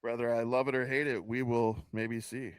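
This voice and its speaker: A man's voice: mid-range voice, flat delivery, normal speed, clear, resonant tone, no room sound. Sarcastic, exasperated male podcast co-host. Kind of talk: casual podcast chat.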